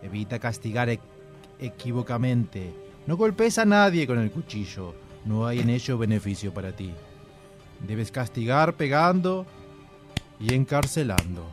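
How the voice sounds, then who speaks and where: A male narrator reading a scripted documentary passage in a measured, solemn way. His voice moves lively up and down around a middle pitch. Faint music plays under him.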